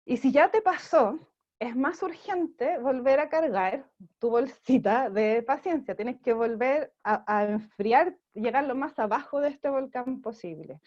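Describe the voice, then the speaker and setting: A Chilean woman with a fairly high voice talks through parenting advice in an interview, pausing on fillers and often checking in with "¿sí?". Her sound is dull and lo-fi, like a video call. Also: lively intonation, a little mellow. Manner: explanatory, frequent fillers and checking "¿sí?". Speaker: parenting program director.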